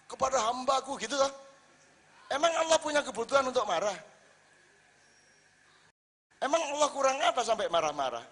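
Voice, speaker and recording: Preacher guy, high bright voice, lots of rhetorical questions, big echoey hall. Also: slightly rough. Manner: lively, rhetorical questions, acts out quoted lines. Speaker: Islamic preacher. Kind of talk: religious talk to a live audience. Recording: reverberant hall.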